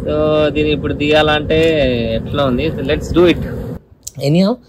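This man's voice is fairly high and his pace measured as he narrates a fishing vlog outdoors on a rocky shore at night. Hailing from Telangana, he's excitable and casual, switching into English phrases now and then. Wind and surf can be heard through the outdoor camera audio.

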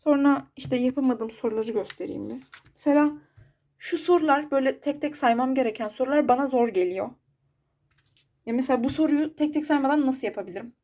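Young female study vlogger, casual and self-deprecating, higher voice with a warm, soft tone. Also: brisk. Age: young adult. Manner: chatty, frustrated, self-deprecating. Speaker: exam student vlogger.

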